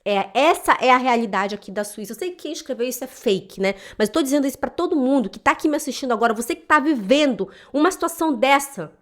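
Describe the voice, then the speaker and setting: A woman who teaches German, telling a personal story to the camera in an emotional, animated way and often adding "né?" to her sentences. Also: sits high, fast talker, few pauses. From Brazil (Belém do Pará). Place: lives in German-speaking Switzerland.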